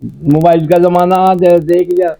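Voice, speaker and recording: A man's voice: sits high, flat delivery, normal speed, creaky, dark tone, rough recording. An older man, a victim's father telling his story in a rambling, rustic way full of folksy sayings. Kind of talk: emotional field interview testimony.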